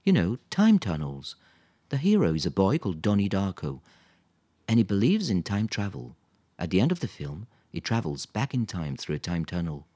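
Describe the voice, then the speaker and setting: Brief: man doing upbeat teen girl, high and lively, dry close audiobook sound. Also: normal speed, no echo, exaggerated voice. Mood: friendly. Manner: bright, confident, commanding with dogs. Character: cheerful English teenage girl, dog owner. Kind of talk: audiobook reading.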